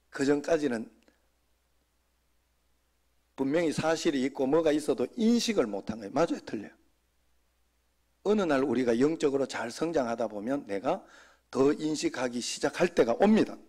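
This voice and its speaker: A middle-aged man preaches in a relaxed, chatty way, his voice somewhat high and gravelly. He talks to the congregation as if telling stories at home, dropping in quoted asides. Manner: conversational, folksy, with quoted asides. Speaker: pastor. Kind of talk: sermon.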